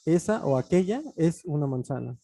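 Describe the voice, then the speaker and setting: A man's voice: fairly high pitch, animated, moderate pace, creaky, mellow. A man teaching an online English grammar lesson, explaining patiently with frequent fillers and restarts.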